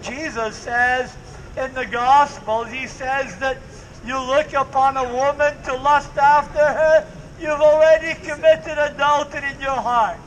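A man's voice: very high-pitched, steady tone, measured pace, slight background noise. An older man preaching outdoors in a market square, fervent and repetitive. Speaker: street preacher. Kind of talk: open-air street preaching. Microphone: distant camera, preacher with handheld mic and speaker. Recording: open-air sound from a distance.

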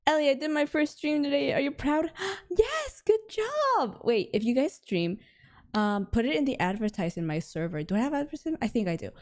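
A woman streaming a game live, chatting casually with her viewers in a bubbly, talkative way, her voice a little raspy and hoarse from getting sick. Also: a little high, animated, fast talker, darkish tone. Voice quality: slightly raspy. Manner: bubbly and chatty, with frequent laughs and gasps. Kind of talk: casual live-stream chat, reading chat aloud.

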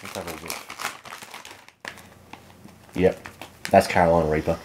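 A man's voice: low-pitched, fairly even intonation, a little slow. A young Australian man hosting a casual challenge video, teasing his friend in a dry, matter-of-fact way. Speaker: host. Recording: noticeable background noise.

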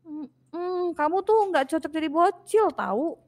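A woman's voice: very high voice, expressive, normal speed, no room sound. A woman in a casual game roleplay, teasing and bossing others around.

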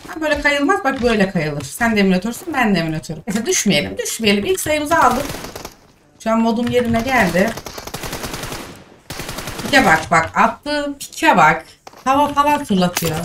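A young woman streaming a mobile shooter, commenting live in exasperated, scolding remarks. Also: fairly high pitch. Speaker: game streamer. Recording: distant mic with game noise.

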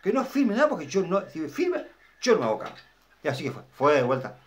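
A man hosting his own channel, telling a personal story to the camera in a rambling, repetitive way. His voice sits a little high for a man. He keeps checking that the viewer follows. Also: wildly swooping pitch, a little fast. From Argentina. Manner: rambling, repeats himself, asks viewers if they follow. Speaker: channel host.

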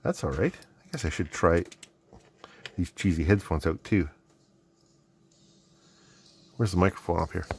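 A middle-aged man hosts an electronics mailbag video, unboxing and testing gadgets at an indoor workbench while rambling and muttering asides to himself in unscripted commentary. His deep, gravelly voice is slightly mellow and unhurried, with frequent pauses. There's a bit of background noise.

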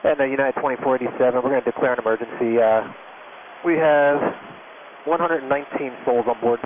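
A man speaking as an airline pilot over a cockpit headset radio, reading back instructions to controllers in a clipped, calm, businesslike way. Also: mid-range voice, a little fast. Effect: cockpit headset radio transmission. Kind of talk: radio readbacks to air traffic control. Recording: tinny radio channel with clear static.

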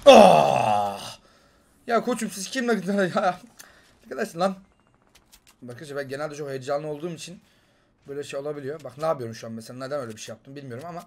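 A young man with a Turkish accent giving excited gameplay commentary, jumping between loud outbursts and muttering to himself. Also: fairly high pitch, quick pace. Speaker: gaming YouTuber.

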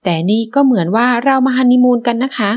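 A woman's voice: on the high side, fast talker, dull audio, voice pushed up, close to an everyday voice. Woman voicing a petulant jealous young woman. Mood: pouty. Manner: petulant, pouty.

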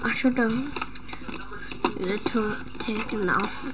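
A gaming channel host is losing her voice as she rambles through casual gameplay commentary on her own videos, breaking into sudden startled exclamations. She speaks slowly at a fairly high pitch, and the recording is very noisy.

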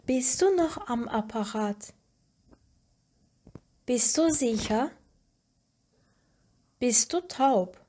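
A woman reading short example sentences one by one for a language lesson, slowly and deliberately with pauses. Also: on the high side, animated, mellow, a little hiss or hum. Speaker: language teacher.

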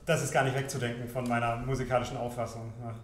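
A man, a singer, answering interview questions quickly and eagerly. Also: mid-range voice, little pitch movement. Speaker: baritone singer guest. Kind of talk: casual interview talk. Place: living room with a piano and plants. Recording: echoey room, faint hiss.

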